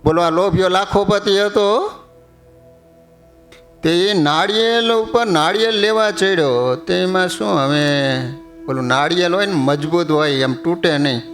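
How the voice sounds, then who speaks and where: Male preacher, high voice, storytelling sermon, faint music behind. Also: a bit bright. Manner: storytelling, quotes verses in slow chant. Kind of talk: sermon with humorous stories.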